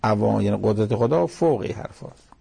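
Guy giving a sermon, gravelly low-key voice, chatty teaching tone. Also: animated, dark tone. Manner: explanatory, plain conversational teaching with quoted asides. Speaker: cleric. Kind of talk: religious lecture.

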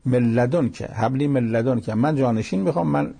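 A man's voice: mid-range voice, gravelly, warm tone, slightly rough. A man giving a religious lecture, explaining verses in a plain conversational teaching manner with quoted asides. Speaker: cleric.

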